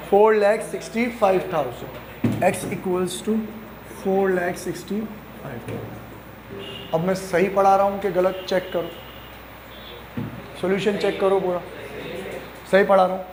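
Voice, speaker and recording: High-voiced man teaching accounting. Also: fairly even intonation, a little slow, pauses often, noisy background. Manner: asks questions and answers them himself; mixes English terms into Hindi speech. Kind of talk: classroom lecture.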